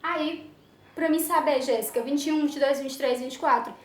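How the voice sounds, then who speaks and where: A woman English teacher giving a slow, patient lesson, drawing out her explanations. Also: sits high, slight background noise. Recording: echoey room with faint ambience.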